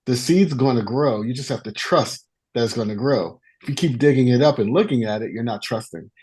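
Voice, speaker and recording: A man on a podcast calmly explaining his personal philosophy in a reflective, casual way. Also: medium pitch, fairly quick, breathy edge.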